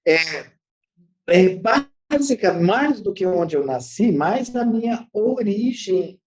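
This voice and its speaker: A man's voice: high voice, lively intonation, slow. A Brazilian man, a therapist, explaining his ideas in an interview with many fillers and restarts. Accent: Brazilian Portuguese. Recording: dull lo-fi audio.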